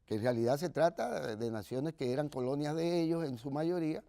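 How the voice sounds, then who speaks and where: A man with a Caribbean Spanish accent from the Dominican Republic delivers news commentary. His voice sits fairly high and has a strong gravelly fry, recorded dry and close. He talks conversationally, leaning hard on key words and wandering off into asides. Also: a little fast, warm tone, no echo. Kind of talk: news commentary, partly reading aloud.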